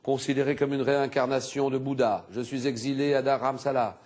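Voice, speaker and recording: A man hosting a TV quiz show, animated and exclamatory, reading clues and teasing contestants in a studio. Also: mid-range voice, brisk.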